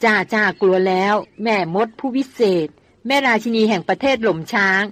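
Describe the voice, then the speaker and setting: A woman's voice: mid-range voice, moderate pace, a bit bright, no room sound, close to an everyday voice. A woman voicing a grown man, a former army officer who answers with mock-humble teasing.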